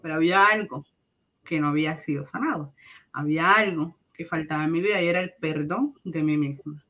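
Deep-voiced, brisk and a bit bright, a middle-aged woman from Puerto Rico gives a personal religious testimony in a muffled recording. With her Puerto Rican Spanish accent, she speaks earnestly and straight to listeners, using emphatic repetition.

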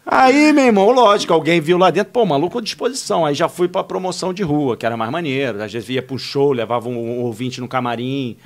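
A man, telling animated, slangy stories as a podcast guest. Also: on the high side, fast talker, hardly any pauses. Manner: animated, slangy, laughing through anecdotes. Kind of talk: casual storytelling.

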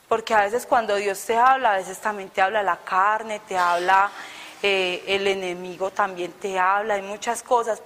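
A woman tells her testimony to a congregation in an earnest, conversational way. Her voice sits at a middle pitch. A long reverb follows her words through a large church hall. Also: fairly bright tone. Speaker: church speaker giving testimony.

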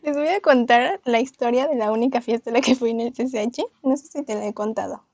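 A woman's voice: a little high, a little fast, dry recording, dull audio. A woman with a Mexican accent, a podcast co-host telling a story in casual chat and acting out the voices of people she quotes. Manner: animated, acts out quoted voices.

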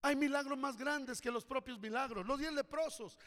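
A man's voice: very high-pitched, normal speed, pushed and bright. A man preaching a fervent sermon as pastor, urging his congregation on. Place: church hall. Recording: reverberant church hall.

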